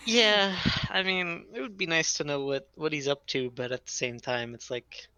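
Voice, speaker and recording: A man's voice: on the high side, steady tone, normal speed, bright, forceful tone, smooth, no room sound. A man in casual chat about a manga, mostly agreeing and adding his own takes. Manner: agreeable, backchannels often, chimes in on the story. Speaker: podcast co-host.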